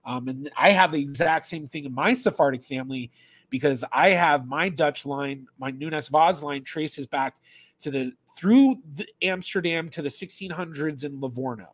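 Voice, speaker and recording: A genealogist in his thirties chats casually on a livestream from a small room at home, reading out questions and thinking aloud with restarts and fillers. His voice is a little high, fairly bright, and slightly rough, at a moderate pace with no room sound.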